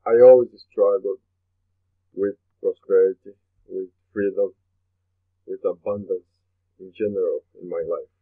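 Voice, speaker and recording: A low-pitched Brazilian man hosts a motivational webinar at a measured pace, with fairly even intonation and frequent pauses. A native Portuguese speaker with a Brazilian Portuguese accent, he speaks earnestly and tends to repeat himself. The sound is tinny, like a phone.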